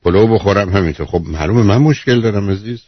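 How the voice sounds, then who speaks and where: A man's voice: on the low side, breathy edge, no room sound, muffled recording. A man hosting a call-in advice show, bluntly interrupting and lecturing the caller. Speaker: radio advice host. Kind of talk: call-in counselling.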